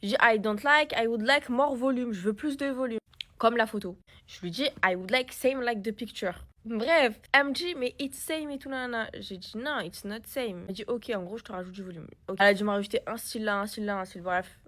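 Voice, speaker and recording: A young woman telling a casual story-time vlog, animated and indignant, slipping into broken English. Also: fairly high pitch, a little fast.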